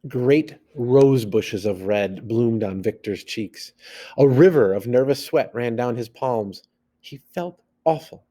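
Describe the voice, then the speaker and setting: A man with a medium-pitched voice reads a story aloud at a slow pace, the way a teacher would. He's expressive and animated, acting out the dialogue and dropping in plain asides.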